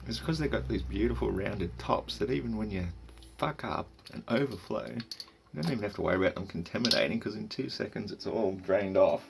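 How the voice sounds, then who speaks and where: A middle-aged man with an Australian accent rambles drunkenly in a crude, joking monologue. His voice is very low with a lot of gravelly creak. The home recording has loud noise and clicks behind him. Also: brisk. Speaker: vlogger and home brewer.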